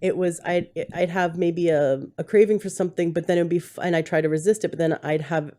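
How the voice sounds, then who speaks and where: A woman's voice: lowish voice, steady tone, fairly quick, dark tone. A woman hosting a podcast, telling a personal story in an earnest, rambling way that restarts and corrects itself, recorded at home with a handheld mic. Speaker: podcast host. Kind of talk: candid conversational interview. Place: home setting, husband holding the mic.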